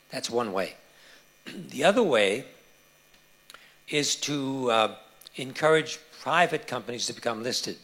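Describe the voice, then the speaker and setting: A man answering audience questions at a conference, explaining points in a measured way with frequent hesitations. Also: medium pitch, fairly bright tone.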